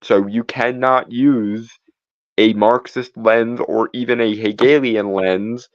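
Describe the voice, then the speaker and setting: A man's voice: mid-range voice, fairly even intonation, slow, no room sound, lo-fi sound. A man co-hosting a podcast, lecturing emphatically and rebutting a reading, restarting phrases as he argues. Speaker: podcast co-host. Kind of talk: argumentative commentary.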